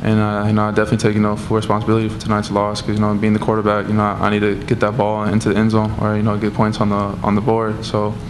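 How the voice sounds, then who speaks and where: Young guy at a postgame presser, low flat voice, talks quick, lots of "you know", noisy room. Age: young adult. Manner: steady, fills with "you know" often. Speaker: college quarterback. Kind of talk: post-game press conference answers. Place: press room at a table before a sponsor backdrop. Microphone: table mic on a stand.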